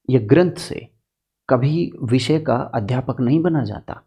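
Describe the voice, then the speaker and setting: A man's voice: mid-range voice, creaky, mellow, breathy edge. A man teaching political science exam strategy in an earnest, direct lecture, using homely farm examples to make his points.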